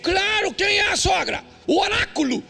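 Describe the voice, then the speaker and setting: An older male pastor with a Brazilian Portuguese accent, preaching a humorous sermon with jokey, emphatic storytelling and sudden high outbursts. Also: lively intonation, moderate pace, creaky, sharp tone, raised voice. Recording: faint music behind.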